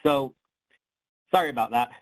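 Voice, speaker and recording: A man with a mid-range voice explains history at a moderate pace in an online lecture, stumbling with frequent ums and self-corrections because he is losing his voice. Though captured on a computer mic during a video call, the sound is studio quality with no room sound.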